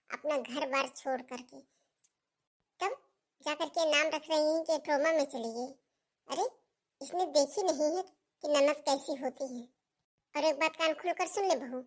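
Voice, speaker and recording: A woman playing a shrill, scolding mother-in-law. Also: natural voice. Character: scolding middle-aged mother-in-law, harsh and domineering. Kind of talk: family melodrama acting.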